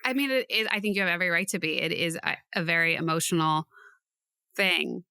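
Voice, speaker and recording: Bright-voiced woman podcast co-host. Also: on the low side, fairly quick, vocal fry, clear, resonant tone, dry recording. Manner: warm affirming listener, reflective storytelling. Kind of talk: casual podcast chat.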